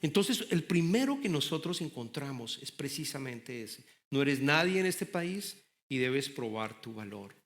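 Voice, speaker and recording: A man's voice: mid-range voice, big pitch swings, a little slow, fairly bright tone. A middle-aged man preaching a sermon with passion, repeating and restarting words. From Latin America. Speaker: pastor.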